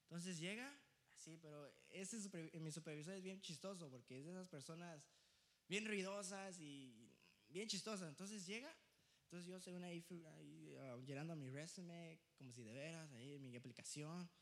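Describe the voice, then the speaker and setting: Animated high-voiced young male preacher. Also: normal speed. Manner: animated, laughing, switches into English phrases. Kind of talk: storytelling sermon.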